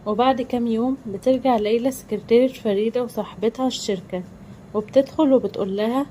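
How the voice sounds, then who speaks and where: Quick Egyptian woman telling a story. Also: fairly high pitch, fairly even intonation, dark tone, a little hiss or hum. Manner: brisk, storytelling. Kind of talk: scripted story narration.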